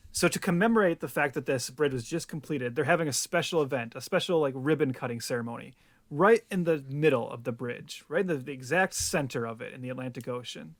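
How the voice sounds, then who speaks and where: A man pitches an over-the-top movie in a playful, mock-executive tone. His voice sits a little high and sounds close and dry, with no room around it. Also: a bit bright, dry recording. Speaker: podcast co-host.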